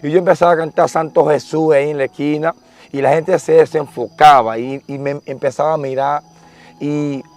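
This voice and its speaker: A young man recounts his religious testimony in a relaxed, conversational way. His voice sits a little higher than most men's. He repeats phrases earnestly as he tells the story. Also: normal speed. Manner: repetitive, earnest, emotional retelling. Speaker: interviewee giving testimony.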